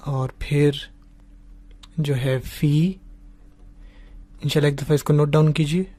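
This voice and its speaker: A patient male teacher at a board in a small classroom, his mid-pitched voice dry and close. He explains step by step and leads the class through slow repeated drills, checking in with a steady "okay" after each point. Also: dry recording. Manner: patient, repeats "ठीक है" often, drills words for students to repeat. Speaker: Arabic grammar teacher. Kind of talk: online classroom lesson.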